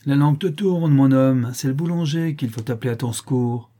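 A man's voice: medium pitch, brisk, dark tone, close to an everyday voice. A man reading aloud and voicing a spiteful, mocking one-eyed old woman crook. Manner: mocking, wheedling, sneering.

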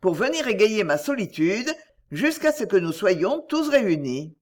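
A gentle, unhurried old father speaks soothingly to calm his family. A woman reader voices him close to her own voice in a storybook reading. He stays steady and kind throughout. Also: mid-range voice.

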